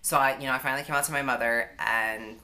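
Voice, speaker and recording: Young adult woman, confessional vlogger. Very low pitch, bright forward tone, candid halting delivery. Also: steady tone. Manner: halting and candid, heavy use of "like". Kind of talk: confessional vlog.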